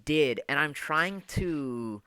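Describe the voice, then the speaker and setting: A man's voice: fairly high pitch, lively intonation, slow pace, sharp tone, smooth, no echo. A man co-hosting a casual podcast, telling a long story in a rambling way, full of fillers and the odd swear word. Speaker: podcast co-host. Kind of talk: casual chat.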